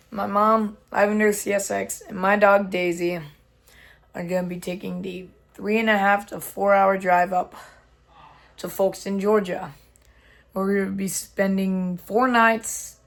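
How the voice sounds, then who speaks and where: A railfan host with a hoarse, nearly lost voice, narrating a casual vlog. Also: mid-range voice, flat delivery, slow, long pauses, a bit bright. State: hoarse from losing voice.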